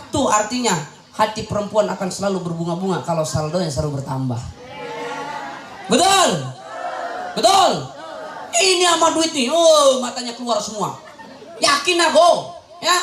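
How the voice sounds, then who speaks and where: A young male preacher giving a humorous sermon to a crowd of mothers, teasing them and shouting his punchlines. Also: very high voice, big pitch swings, moderate pace, noisy background. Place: religious gathering with an audience. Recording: echoey event hall with crowd sound.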